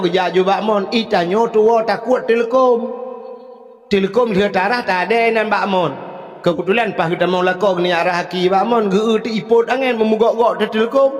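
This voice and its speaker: Acehnese man preaching with high pitch, comic stories and shouted calls, reverberant hall sound. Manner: jokey storytelling, breaks into loud shouted exhortation. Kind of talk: humorous Islamic sermon.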